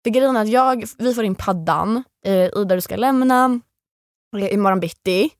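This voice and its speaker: A former reality show contestant, now a young guest in an interview, tells an energetic story in a mid-range voice, acting out the words of other people. The recording is studio quality with no echo.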